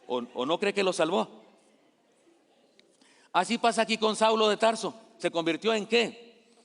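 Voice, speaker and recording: A male pastor preaching a sermon in a lively, conversational way, often asking his listeners questions. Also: high voice, a little slow, creaky. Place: church sanctuary. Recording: echoey church hall.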